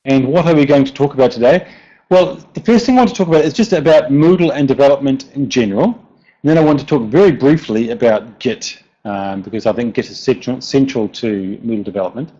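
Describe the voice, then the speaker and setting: A man's voice: medium pitch, a little fast, warm tone. A man with a broad New Zealand accent giving an informal technical presentation, often hesitating and repeating words. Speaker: presenter, software developer. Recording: dull lo-fi online audio.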